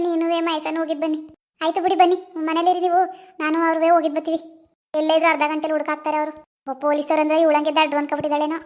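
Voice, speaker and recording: Woman doing an angry bossy village lady from a cartoon, scolding fast and shrill. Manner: scolding, indignant, rapid. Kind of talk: animated village drama voice acting.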